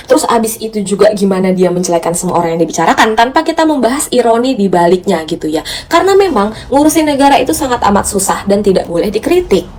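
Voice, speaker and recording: A woman speaking in a casual vlog monologue, slangy and mock-indignant. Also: mid-range voice. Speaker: vlogger.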